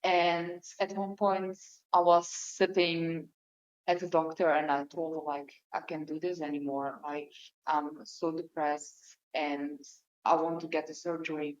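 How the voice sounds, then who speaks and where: A young Dutch woman appears as a podcast guest and shares her own story candidly, with plenty of hesitation and fillers. Her voice is low-pitched and flat, her pace measured, and the audio is dull and lo-fi.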